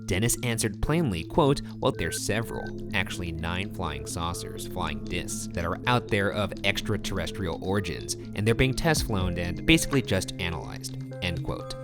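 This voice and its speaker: A man reading scripted documentary narration in a measured way, setting quotes apart. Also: sits low, sing-song. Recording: voice-over with clear music behind.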